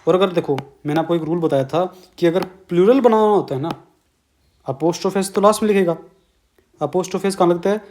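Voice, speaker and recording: Indian man teaching grammar, higher voice. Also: moderate pace, darkish tone. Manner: explains step by step, keeps asking and answering his own questions. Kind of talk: exam-prep grammar lecture.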